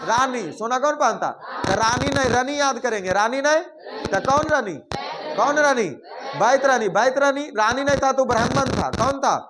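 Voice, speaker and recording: A man teaches a class, leading call-and-response drills and repeating mnemonic chains over and over. His voice sits fairly high and he teases the students as he goes. A noisy crowd of students is heard around him. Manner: repetitive rhyming mnemonic drilling, teasing students.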